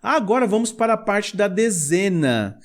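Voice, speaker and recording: A man's voice: sits high, big pitch swings, normal speed. A man with a Brazilian Portuguese accent teaching a video lesson, explaining step by step and asking viewers to repeat after him. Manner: explains step by step, asks for repetition. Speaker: English teacher.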